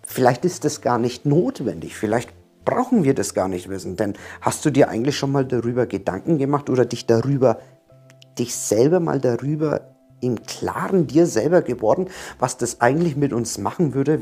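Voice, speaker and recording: A man's voice: medium pitch, vocal fry, dark tone, husky. A man giving a motivational self-help monologue, talking earnestly and directly to the viewer and repeating his points. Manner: earnest, repetitive, speaks straight to the viewer.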